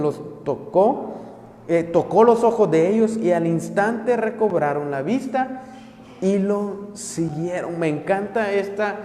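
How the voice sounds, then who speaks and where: A man teaching a Bible study sermon. He speaks earnestly, slows down to stress key words, and often hesitates with fillers and repeated words. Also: high voice, warm tone. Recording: echoey room with long reverb.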